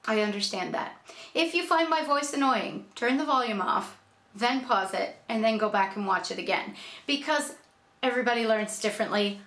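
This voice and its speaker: A woman's voice: fairly high pitch, normal speed, a bit bright. A woman hosting a paper-folding tutorial, talking casually with fillers and restarts. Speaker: origami tutorial host.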